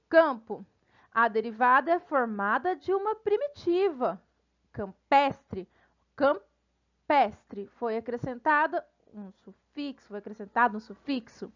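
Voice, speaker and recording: A woman teacher with a Brazilian Portuguese accent giving a recorded grammar lesson, friendly with her students and spelling out syllables slowly. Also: high-pitched, highs cut off. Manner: friendly, addresses students casually.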